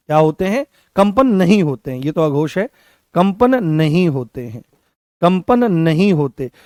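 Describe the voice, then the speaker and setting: A man's voice: sits high, dry recording, studio quality. A man teaching an online exam-prep class, repeating key phrases and coaxing his students with affectionate names.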